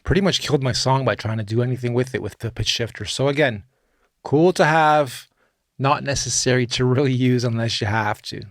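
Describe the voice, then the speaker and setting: A man talks through a software tutorial in a casual, opinionated style, much like a music production teacher explaining his steps. His voice sits in the mid range and moves a little fast.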